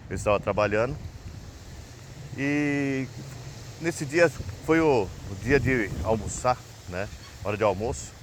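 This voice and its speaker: Speaking at medium pitch, unhurried and with long pauses, a male vlogger from Brazil recounts a personal story in a loose, rambling style. He has a Brazilian Portuguese accent, ends his sentences with "né?", and background noise is present.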